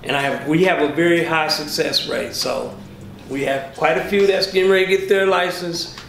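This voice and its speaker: A man who teaches barbering, talking up his class in a quick, upbeat promotional pitch inside a school studio. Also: gravelly. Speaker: barber instructor. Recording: roomy echo, background noise.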